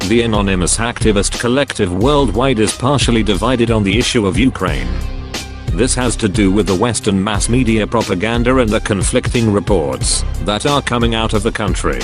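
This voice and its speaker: A man's voice, disguised and pushed deep and low, reads a scripted statement. His delivery stays solemn and declarative from line to line. Clear music plays underneath him throughout. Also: moderate pace. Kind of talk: scripted statement read aloud. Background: music playing underneath.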